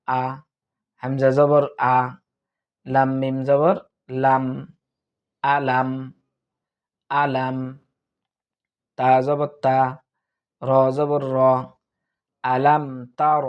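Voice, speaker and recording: A man with a Bangladeshi Bengali accent teaching Quran recitation, chanting verses slowly and spelling out letters syllable by syllable. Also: mid-range voice, darkish tone. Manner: slow, drawn-out melodic recitation; patient step-by-step teaching, repeating syllables.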